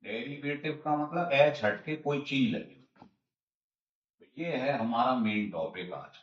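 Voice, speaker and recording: Animated yet slow, a male chemistry teacher with a mid-range voice lectures his class step by step, explaining things again and again and questioning himself aloud before answering. The audio is roomy, far off and muffled.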